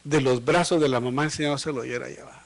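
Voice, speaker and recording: A man preaching a sermon as pastor. He speaks to the congregation with rhetorical questions and swings between loud emphatic lines and low, quiet ones. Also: fairly even intonation, fast talker. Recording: livestream of a live church service.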